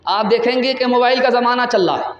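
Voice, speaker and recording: A man with a very high, piercing voice preaches to a big gathering through a microphone. His delivery is quick and rhetorical, and he keeps calling on the crowd to respond. The sound rings with long hall reverb, and faint music runs underneath. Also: lo-fi sound. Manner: rapid rhetorical preaching, calls on crowd to raise hands. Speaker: Islamic preacher. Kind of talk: sermon at a religious gathering. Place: large religious gathering.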